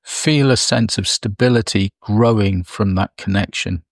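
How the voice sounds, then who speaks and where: Slow, low-voiced man guiding meditation. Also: no echo, clean studio sound. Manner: slow, soft, soothing delivery with long pauses. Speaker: meditation guide. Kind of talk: guided meditation.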